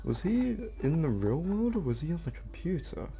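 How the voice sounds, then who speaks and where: A man's voice: on the high side, big pitch swings, normal speed, creaky, background noise. A man giving casual, scared and uneasy commentary as he plays a horror game, often muttering his reactions. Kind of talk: casual let's play commentary. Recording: game music behind the voice. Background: game music.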